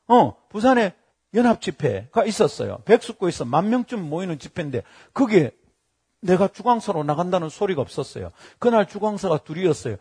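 A middle-aged male pastor preaches a sermon through lively storytelling, acting out the voices of the people he quotes. His voice is high with a breathy edge.

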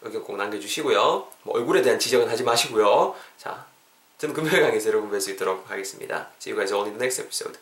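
A man's voice: fairly low pitch, quick pace. Guy doing a chill podcast english lesson, jokey and bouncy, voice kinda far off in an echoey room. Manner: animated, joking asides, chatty. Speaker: English teacher, podcast host.

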